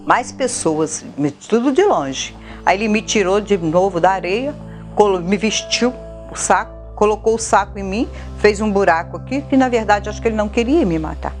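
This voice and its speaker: A Brazilian woman recounting a personal story as an interviewee, speaking plainly. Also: mid-range voice. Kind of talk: personal testimony.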